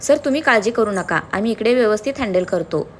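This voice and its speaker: A woman voicing a loyal male aide who reports calmly and reassures his boss, in a storybook. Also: mid-range voice, fairly quick, slight background noise, lightly acted. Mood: reassuring. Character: loyal male henchman, calm and dutiful.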